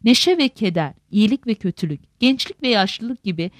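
A woman narrating a novel in a measured, literary manner. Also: medium pitch, animated, no echo, clean studio sound. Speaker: audiobook narrator.

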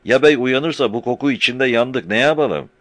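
A man voicing an anxious, fawning middle-aged village agha who talks loudly and fretfully. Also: on the low side, lively intonation, a little fast, no room sound, voice pushed up. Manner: loud, fretful and wheedling. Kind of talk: audiobook character voice.

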